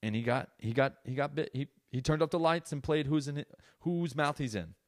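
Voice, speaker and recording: A young man hosting a comedy podcast, ranting in a loose, profane way with loud bursts of mock outrage. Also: fairly high pitch, fairly quick. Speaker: podcast host. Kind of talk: casual comedic rant.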